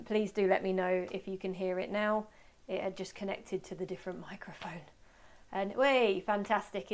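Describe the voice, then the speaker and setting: British woman, informal webinar presenter, mid pitch, chatty, mildly hoarse voice that is giving out. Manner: chatty, informal, self-deprecating. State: voice giving out, slightly hoarse after a workshop. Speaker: webinar host and photography teacher. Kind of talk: casual webinar talk.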